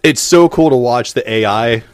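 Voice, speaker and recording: A man's voice: mid-range voice, moderate pace, clean tone. A man hosting a casual podcast chat, talking animatedly with frequent fillers and laughs. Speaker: podcast host.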